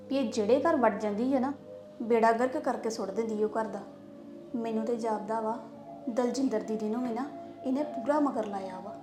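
A woman playing a relative in a family drama, muttering spitefully in a low voice. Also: reverberant. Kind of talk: Punjabi family drama dialogue.

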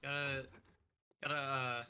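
A man's voice: mid-range voice, little pitch movement, measured pace, pushed and bright, clean tone. A man chatting while gaming, rambling and restarting his sentences as he explains things. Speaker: gamer. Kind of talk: casual multiplayer gameplay chat.

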